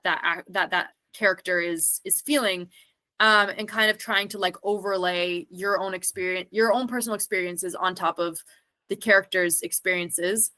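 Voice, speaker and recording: This interview guest, a singer and actor, has a mid-range, bright voice with a forceful tone. Chatting casually, she thinks things over aloud, drifting around her points with frequent "like" fillers.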